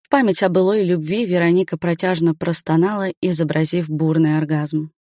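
Woman reading a story, steady and plain, lowish voice, dry sound. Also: fairly quick, dry recording. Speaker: audiobook narrator. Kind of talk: scripted narration.

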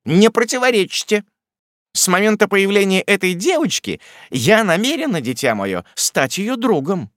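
A man voicing a stern, imperious elderly aunt in an audiobook, speaking in a high, clipped, scolding and impatient way. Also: sing-song, normal speed, a bit bright, no echo, studio quality. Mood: commanding. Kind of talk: audiobook character reading.

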